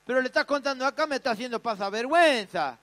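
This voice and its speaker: A man's voice: animated, fast talker, bright, forceful tone, heavily acted. A man voicing a hungry middle-aged man, whose damaged voice cracks in and out. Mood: embarrassed. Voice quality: voice cracking in and out, strained and high.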